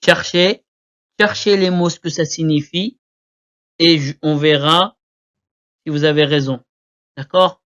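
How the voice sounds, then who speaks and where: A man teaching Arabic letters to beginners, repeating each word slowly for learners to copy. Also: fairly high pitch, fairly even intonation, fairly bright tone. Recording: dull lo-fi recording.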